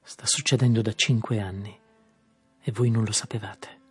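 A man voicing a hushed, intense lover. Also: fairly low pitch, fairly even intonation, normal speed, breathy edge, soft background music. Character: proud lovesick rich young man, quietly intense. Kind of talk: audiobook reading.

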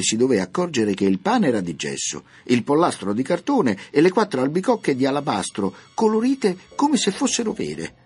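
A man narrating a classic children's tale with expressive, lively storytelling intonation. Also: mid-range voice, husky.

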